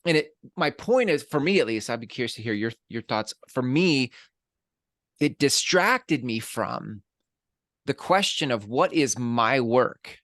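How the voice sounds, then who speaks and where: A man's voice: mid-range voice, expressive, unhurried, a bit bright, no room sound, clean studio sound. A man co-hosting a podcast in casual conversation, reflective and thinking aloud with restarts. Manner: reflective, talks through his thoughts with restarts. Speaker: podcast co-host.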